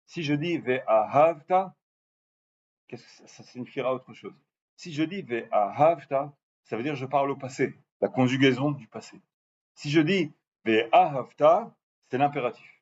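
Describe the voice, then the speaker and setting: A man giving an informal religious lesson to a live group, drawing out Hebrew words slowly to show their pronunciation and often asking his listeners whether they follow. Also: mid-range voice, breathy edge. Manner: asks listeners for confirmation often. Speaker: religious teacher addressing a class. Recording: muffled lo-fi recording with faint background noise.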